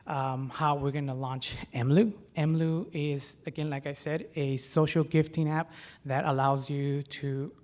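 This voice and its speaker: Nervous man delivering a halting startup pitch. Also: darkish tone. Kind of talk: live pitch competition presentation.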